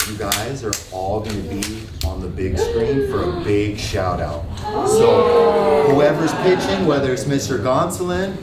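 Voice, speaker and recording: A man giving a halting, self-conscious informal talk to a group as a program coordinator. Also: fairly low pitch. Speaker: baseball youth program coordinator. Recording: echoey, distant, loud crowd noise. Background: noisy crowd.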